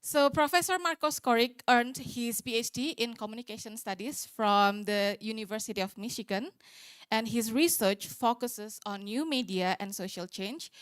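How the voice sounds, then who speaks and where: Higher-voiced woman moderating a conference. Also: no room sound. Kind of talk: formal speaker introduction, read from notes.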